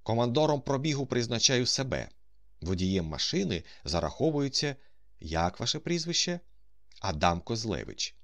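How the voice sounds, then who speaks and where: A man's voice: mid-range voice, sing-song, moderate pace, fairly bright tone, dry recording, voice pushed up. A man playing a grand, scheming con man who speaks in a haughty, commanding, coolly ironic way.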